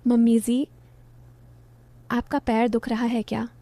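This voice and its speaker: A woman voicing an infatuated young son-in-law who speaks in a soft, pleading way. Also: very high voice, monotone, takes it slowly, no echo, heavily acted.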